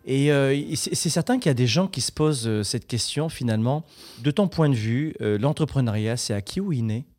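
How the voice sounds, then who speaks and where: Male podcast host, conversational, fond of anecdotes, mid pitch. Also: lively intonation, brisk, a little mellow. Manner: chatty, tells anecdotes. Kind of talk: casual interview chat.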